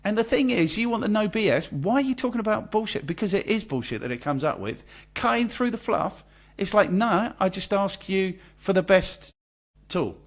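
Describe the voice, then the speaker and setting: A man co-hosting a casual podcast, his voice sitting a little higher than most. He talks in exasperated, sweary rants, piling on rhetorical questions. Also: sing-song, moderate pace. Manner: exasperated, ranting, swears freely. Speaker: podcast co-host. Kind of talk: casual chat.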